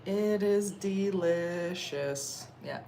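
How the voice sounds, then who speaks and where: A young Canadian woman talks casually into her phone on a livestream, pausing to eat and hum with enjoyment. Her voice sits on the lower side and her manner is relaxed and chatty. A faint hum of ambient noise runs behind her. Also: poor audio. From Canada (Ontario). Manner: relaxed, chatty, eating on stream with murmurs of enjoyment. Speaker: livestream vlogger. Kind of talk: casual livestream chat reading comments. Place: outdoors or open space in a warm country.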